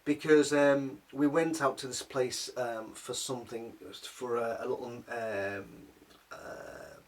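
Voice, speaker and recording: A man's voice: medium pitch, steady tone, takes it slowly, distant mic, slight background noise. A middle-aged man telling a personal story in a rambling, exasperated way, often restarting his sentences.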